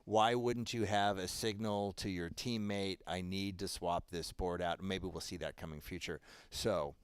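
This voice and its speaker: A man gives color commentary on a surf contest, his voice sitting on the low side. He breaks down each ride in a relaxed, analytical way. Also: measured pace, clean tone, no room sound. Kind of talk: live sports commentary.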